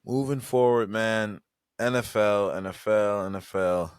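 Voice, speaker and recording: A laid-back young man with a low voice runs through football results and stats, sighing now and then. He is recorded close to the mic in a dry room. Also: a little slow, smooth, dry recording. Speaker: podcast host. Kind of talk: casual sports chat.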